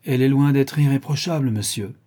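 Narrator doing a commanding old count, dark and husky voice, storybook reading. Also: male voice, mid-range voice, brisk, lightly acted. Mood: authoritative. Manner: dry, commanding, sly. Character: stern but kindly aging count, governor. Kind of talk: audiobook reading.

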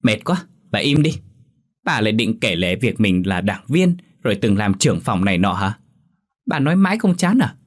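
A man voicing a rude, defiant young daughter who mocks and shouts insults at her parents, in a spoken horror story. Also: sing-song, normal speed. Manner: shrill, mocking, shouting insults.

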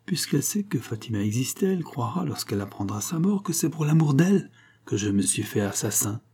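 A man's voice: medium pitch, big pitch swings, brisk, mellow, husky, voice pushed up. A man voicing a cunning, secretive nobleman who speaks in a tense, guarded way. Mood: brooding.

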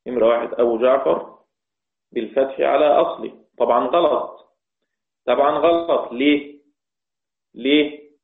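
A man with an Egyptian accent teaching the variant Quran readings, repeating each phrase and chanting the quoted verses slowly. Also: mid-range voice, creaky. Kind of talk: religious lesson explaining readings. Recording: echoey, tinny phone-like sound.

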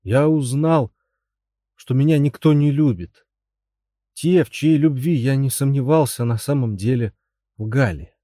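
A big, self-loathing knight, read by a man speaks in a plain, glum way with a mellow, dark tone. The storybook reading sounds dry and close. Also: mid-range voice, unhurried, pauses often, no echo, lightly acted. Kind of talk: audiobook character voice.

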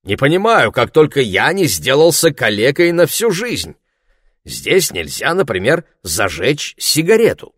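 A man's voice: mid-range voice, wildly swooping pitch, a little slow, fairly bright tone, no echo, clean studio sound, pitched above the performer's own voice, heavily acted. A man reading aloud voices a pompous young man complaining indignantly. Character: pompous, peevish young man, older brother.

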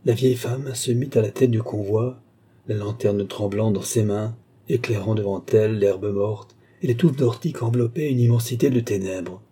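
Male narrator, literary audiobook, steady delivery, very dark husky voice. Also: lowish voice, moderate pace.

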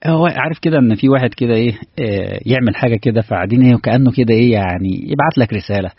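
A man with an Egyptian Arabic accent preaches quickly and earnestly, firing rhetorical questions at his congregation. His voice is husky and dry, close to the mic. The recording sounds dull and lo-fi. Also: mid-range voice, no room sound. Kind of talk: conversational sermon.

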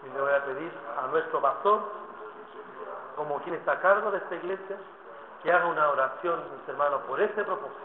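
Fiery male preacher, high voice, echoey church sound. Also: brisk, noisy background. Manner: impassioned, rising to shouts. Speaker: guest preacher. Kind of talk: sermon. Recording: echoey church hall over tinny line.

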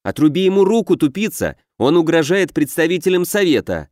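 A man doing a petty bureaucrat's voice, pitched high and thin, forever screeching and indignant. He barks orders like a hysterical bully, in a dry, close audiobook sound. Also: big pitch swings, measured pace, no room sound. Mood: shrieking outrage. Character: shrill pompous male official, hysterical bully. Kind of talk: audiobook character voice.

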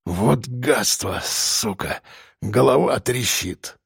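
A man voicing a stubborn, wounded young fighter who speaks low and hoarse in an audiobook. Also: expressive, slow pace, no room sound, clean studio sound, heavily acted. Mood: pained.

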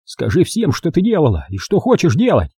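An angry young man with a gun, loud and defiant, as a narrator voices him. He speaks a bit higher than the reader's own voice, dark and husky. It is a dry, close audiobook recording. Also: wildly swooping pitch, a little fast, no room sound, full character voice. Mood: accusing. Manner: forceful, shouting.

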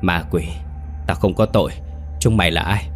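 A man's voice: sits low, moderate pace, soft background music, close to an everyday voice. A man voicing a frightened young son who desperately protests his innocence.

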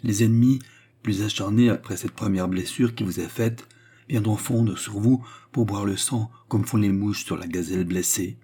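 A man's voice: on the low side, moderate pace, mellow, breathy edge. A man reading as a grave, sad nobleman. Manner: grave, earnest, solemn. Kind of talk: audiobook reading of a novel.

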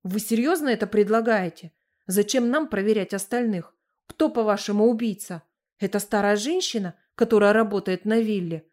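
A woman's voice: mid-range voice, fairly even intonation, moderate pace, dark tone, close to an everyday voice. A woman reading an audiobook voices a stern French diplomat who presses his points insistently. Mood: incredulous. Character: stern French diplomat, brisk, forceful man.

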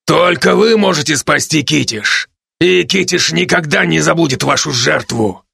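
A man's voice: a little high, animated, moderate pace, vocal fry, crowd noise, voice pushed up. A man voicing a toy tiger prince who leads the other toys with urgent, pleading calls, in a dry storybook reading. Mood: urgent commanding.

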